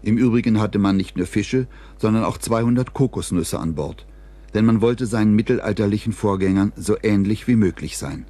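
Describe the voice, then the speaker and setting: A man reading scripted documentary narration in a measured, even storytelling delivery. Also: fairly low pitch.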